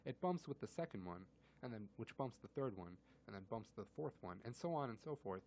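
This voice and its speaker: A man co-hosting a casual radio chat, walking through physics with simple analogies. He laughs easily and keeps a friendly back-and-forth going. His voice sits at an average pitch. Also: big pitch swings, fairly quick, a little mellow. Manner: laughs often, explains with analogies. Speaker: co-host explaining physics.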